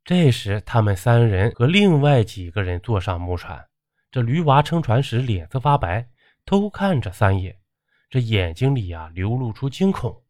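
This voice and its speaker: A man narrating a folk tale in an expressive storytelling manner. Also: medium pitch, normal speed, no echo, studio quality.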